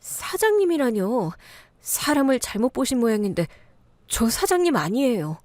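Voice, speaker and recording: A woman's voice: a little high, very animated, moderate pace, darkish tone, dry recording, voice pushed up. A woman voicing a patient daughter-in-law heroine who speaks earnestly and pleads her case in a storybook radio tale.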